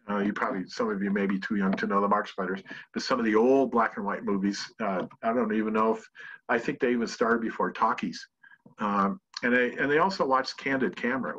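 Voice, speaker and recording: A chatty man giving a relaxed talk to a group, stumbling through restarts and fillers as he goes. His voice is bright but raspy. The recording sounds dull and lo-fi. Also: medium pitch. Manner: chatty, self-deprecating, with many fillers and restarts. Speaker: presenter. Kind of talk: casual presentation talk. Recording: dull lo-fi audio.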